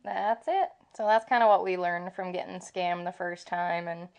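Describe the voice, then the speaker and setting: A young woman co-hosting a travel podcast, chatting casually, giggly and animated, swearing freely. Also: on the low side, moderate pace, clean tone. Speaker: podcast co-host.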